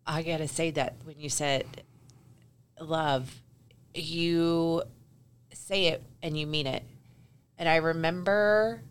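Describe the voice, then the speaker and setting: A woman's voice: deep voice, clean tone. A woman in her forties hosting a podcast interview, listening closely and offering short affirmations. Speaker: podcast host. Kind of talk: interview conversation.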